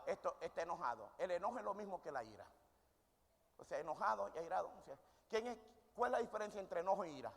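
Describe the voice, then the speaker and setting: High-pitched preacher, gravelly, reverberant hall. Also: male voice, expressive, fast. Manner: asks questions and answers them himself, demonstrating with volunteers. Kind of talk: sermon with audience call-and-response. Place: church hall.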